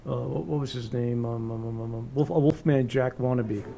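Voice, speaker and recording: A man's voice: mid-range voice, steady tone, normal speed, creaky, warm tone, slight background noise. A man with a New York accent interviewing a musician in a casual, rambling way, full of ums and restarts. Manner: rambling, many fillers and restarts.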